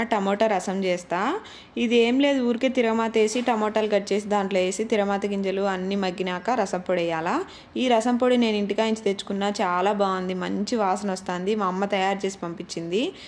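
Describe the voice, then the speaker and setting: A woman's voice: mid-range voice, fairly even intonation, fairly quick, darkish tone. Chatty Telugu mom narrating her day. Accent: Rayalaseema Telugu. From Andhra Pradesh, India. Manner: chatty, homely storytelling. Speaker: vlogger and mother. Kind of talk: casual narrated vlog voice-over.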